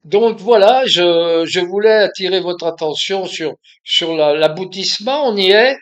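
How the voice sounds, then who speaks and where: Older man from France, off-the-cuff commentary, slow and halting, slightly high voice. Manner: halting, many restarts and fillers. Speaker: video commentator. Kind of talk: impromptu monologue.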